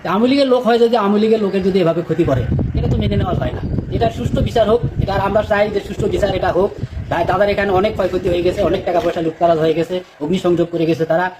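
A man's voice: high voice, fairly even intonation, very fast. A man with a Bangladeshi accent giving an insistent, repetitive interview comment as a local witness. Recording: clear background noise with clicks.

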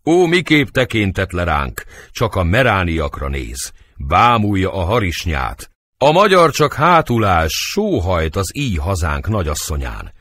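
Guy reading a play doing a raging noble guy, fiery and bitter, low husky voice, swings up and down a lot. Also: wildly swooping pitch, fairly bright tone, dry recording, exaggerated voice. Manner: fiery outbursts, bitter growling. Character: hot-tempered cursing adult male nobleman. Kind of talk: audiobook drama reading.

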